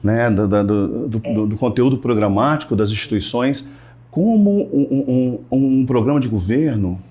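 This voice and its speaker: Brief: male interviewer, mid-pitched, asks long questions with hesitant restarts. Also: lively intonation, mellow. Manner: hesitant, halting questions with repeated words. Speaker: interview host.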